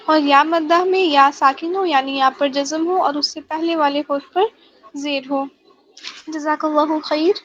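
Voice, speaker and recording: A woman's voice: high voice, steady tone, a bit bright. A woman student in an online class, carefully reciting a lesson rule back over a video call. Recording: muffled online call audio with faint noise.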